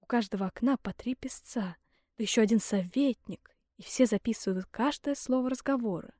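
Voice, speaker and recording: A woman's voice: on the high side, normal speed, no echo, studio quality. Theatrical woman reading a fairy tale. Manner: lively, theatrical storytelling. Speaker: storybook reader.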